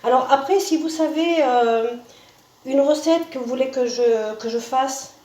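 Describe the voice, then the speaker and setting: A woman's voice: sits high, unhurried, darkish tone. Chatty woman cooking at a distance. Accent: Spanish. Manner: chatty, repeats "hein" and "voilà", restarts words. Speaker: home cooking video host. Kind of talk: casual cooking demonstration. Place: home kitchen with a sizzling pan. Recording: roomy distant kitchen sound, faint noise.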